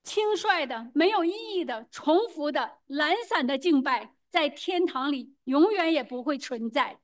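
A woman interpreting a sermon phrase by phrase, quick and hesitant, with fillers and self-corrections. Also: sits high, expressive.

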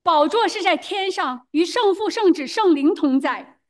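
Very high-pitched woman interpreting a sermon, rushing, lots of ums and restarts. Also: expressive, darkish tone. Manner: quick, hesitant, frequent fillers and self-corrections.

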